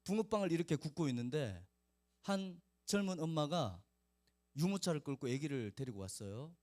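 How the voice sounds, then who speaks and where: A man's voice: on the high side, expressive, moderate pace, darkish tone. A male pastor preaching a storytelling sermon in a conversational way, speaking directly to the children in his congregation by name.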